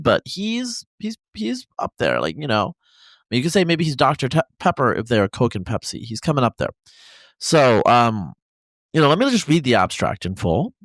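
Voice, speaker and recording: A man hosts his podcast in an unscripted monologue, pausing often on fillers and restarting his sentences. His voice sits at an ordinary middle pitch. The sound is dry and close, with no room around it. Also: no room sound. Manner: halting, many fillers and restarts. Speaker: podcast host.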